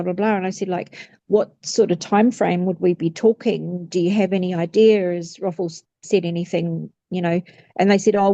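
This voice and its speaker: A woman in her fifties with a lowish, mellow voice chats casually while getting a reading, rambling with plenty of fillers and restarts. The recording is dry, slightly muffled and lo-fi.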